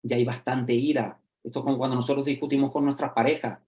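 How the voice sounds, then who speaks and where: Animated man explaining to educators. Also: mid-range voice, quick pace. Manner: lively, acts out examples, checks in with "¿vale?" and "¿sí?". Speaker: social educator giving a talk.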